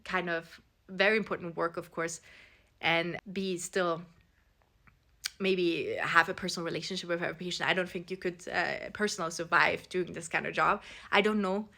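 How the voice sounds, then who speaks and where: A woman's voice: on the low side, steady tone, moderate pace, gravelly, bright, forceful tone. A woman from Vienna, telling a casual storytime to camera in an earnest, reflective way and speaking straight to her viewers. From Vienna, Austria. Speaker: social media creator.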